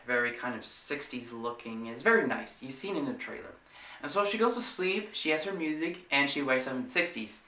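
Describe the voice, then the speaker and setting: Far from the mic in a roomy space, a man with a medium-pitched, sharp voice hosts a casual movie review vlog. He rambles eagerly and enthusiastically, full of fillers and restarts, as the channel's reviewer.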